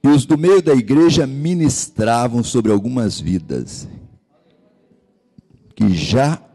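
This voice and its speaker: A man's voice: medium pitch, animated, slow, warm tone, soft background music. A man from Espírito Santo with a Capixaba Brazilian accent, preaching an impassioned sermon as pastor and asking the congregation rhetorical questions. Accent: Capixaba Brazilian Portuguese.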